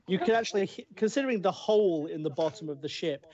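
A man's voice: high-pitched, lively intonation, fast talker, a little mellow. A man narrating a tabletop game as game master, describing scenes loosely with fillers. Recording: dull lo-fi stream audio.

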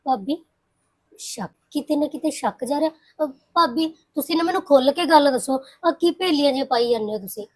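An actress playing a caring young woman who calmly reassures and comforts. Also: sits high, brisk, rough recording. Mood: reassuring. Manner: soothing, reassuring. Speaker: young sister-in-law. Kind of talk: Punjabi web-series acting.

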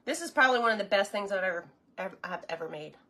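A woman's voice: mid-range voice, animated, very fast, pushed and bright. A woman, chatting casually on a live cooking stream while eating, enthusiastic and sometimes talking with her mouth full.

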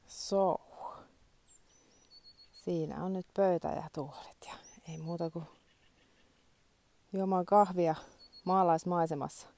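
A woman's voice: lowish voice, darkish tone, a little hiss or hum. Chatty woman in her forties. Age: 40s. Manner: chatty, thinks aloud with many fillers. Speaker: vlogger. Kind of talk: casual vlog chat. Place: rural home and yard. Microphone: phone.

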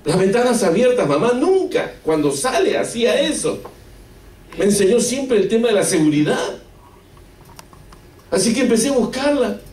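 A man's voice: very high-pitched, sing-song, normal speed, pauses often, darkish tone. A man from Argentina with an Argentine accent, telling an emotional testimony in a sermon and often calling his listeners brother. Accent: Argentine Spanish. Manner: asks rhetorical questions of the audience. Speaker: preacher giving a testimony. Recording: echoey room, mic far off.

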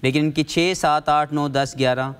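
A man's voice: fairly high pitch, steady tone, normal speed, clear, resonant tone. A man giving cricket analysis on a studio panel, explaining his points earnestly and slipping into English phrases.

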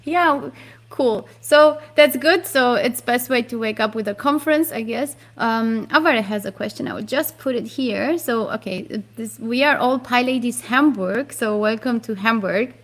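Higher-pitched woman hosting a stream. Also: normal speed. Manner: loose, thinks aloud with fillers. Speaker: host. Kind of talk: casual livestream hosting. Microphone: video call.

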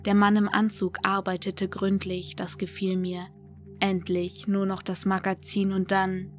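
Woman reading a creepy horror story, monotone, soft music behind. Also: mid-range voice, measured pace. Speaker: audiobook narrator. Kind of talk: scripted horror narration. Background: faint music.

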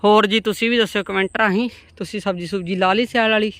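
A woman's voice: mid-range voice, fairly even intonation, quick pace, fairly bright tone. A woman, chatting homely to viewers as she walks outdoors through her farm's vegetable plots. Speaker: vlogger. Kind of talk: casual farm vlog talking to viewers.

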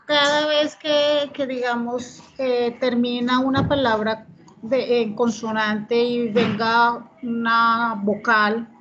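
A woman's voice: a little high, flat delivery, slow, fairly bright tone, dull audio, faint music behind. A woman with a Colombian Spanish accent, a student asking a hesitant question in an online English class. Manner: hesitant, with many fillers. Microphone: video call.

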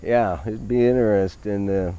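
A middle-aged man with a low, mellow voice talks in an easygoing, unhurried way, with many small fillers. He is recorded outdoors on a grassy show field. The sound is a little dull and lo-fi. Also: fairly even intonation, clear, resonant tone. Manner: easygoing, many fillers, technical car talk. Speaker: van owner. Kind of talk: casual interview.

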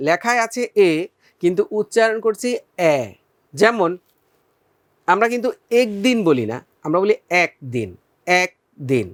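High-voiced male teacher explaining vowels. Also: dry recording. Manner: patient, addresses students as friends, asks and answers own questions; demonstrates vowel sounds slowly. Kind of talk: recorded video lesson.

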